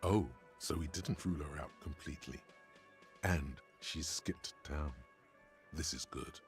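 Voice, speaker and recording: A very low, measured voice narrates a detective video game, cool and detached. Every line is steady and plain. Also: male voice, faint music behind. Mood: calm.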